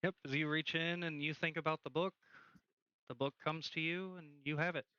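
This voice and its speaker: Casting: high, bright-toned man running a tabletop game, relaxed delivery, lo-fi mic. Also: fairly quick, smooth, no room sound. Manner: easygoing, filler-heavy. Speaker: game master.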